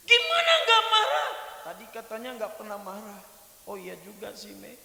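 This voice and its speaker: A man doing a loud, blustering father. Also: high voice, level tone, normal speed, vocal fry, full character voice. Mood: angry. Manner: shouting, bossy. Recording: echoey hall, faint hiss.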